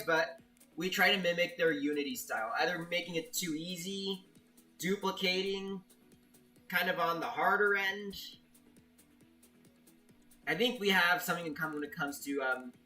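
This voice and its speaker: A man streaming a game and chatting casually with his viewers, his voice bright and a little higher than usual. He stammers and keeps restarting his sentences. He sits a bit back from the mic, with faint music playing behind him. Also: moderate pace, recorded from a distance. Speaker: streamer, level maker. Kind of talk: casual live-stream chat, reading viewer chat.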